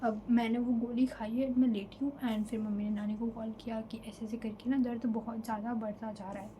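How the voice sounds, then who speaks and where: A woman's voice: on the high side, little pitch movement, fairly quick, warm tone, slight background noise, rough recording. A young woman from Delhi telling an emotional storytime vlog in a casual chatty way, slipping in English fillers. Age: young adult. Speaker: vlogger.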